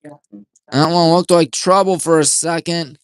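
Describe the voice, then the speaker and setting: A man doing play-by-play radio commentary for a high school baseball game from a press box, folksy and partisan, keeping his voice deliberately restrained. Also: steady tone, clear, resonant tone, no echo, clean studio sound. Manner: folksy, chatty, partisan toward home team; deliberately restrained, hushed delivery.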